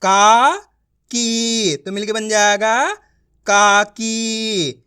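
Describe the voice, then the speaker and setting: A man teaching beginners to read, sounding out each word slowly and saying it twice. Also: high voice, pushed and bright, smooth. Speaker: Hindi reading teacher. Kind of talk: reading lesson for beginners.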